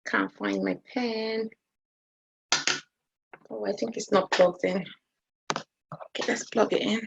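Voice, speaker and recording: A woman's voice: medium pitch, fairly even intonation, takes it slowly, creaky, noisy background. A woman maths teacher giving an online lesson, talking hesitantly and often checking in with her students.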